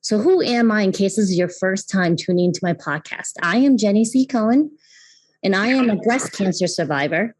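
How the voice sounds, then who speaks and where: A Taiwanese woman in her fifties hosts her podcast, mixing casual personal talk with scripted intro narration. Her mid-range voice is expressive and darkish, moving at a moderate pace, and her earnest delivery often restarts and repeats words. The recording quality is low.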